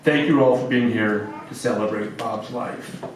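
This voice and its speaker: A man formally reading a prepared eulogy as officiant of a memorial service, in measured, solemn phrases. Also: mid-range voice, fairly even intonation. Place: large echoey room at a gathering. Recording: echoey hall, distant mic, faint noise.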